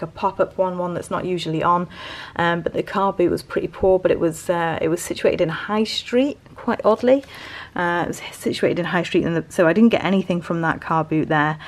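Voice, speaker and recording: A woman's voice: on the low side, brisk. A British woman giving casual haul commentary as a reseller vlogger, talking in a hesitant, rambling way.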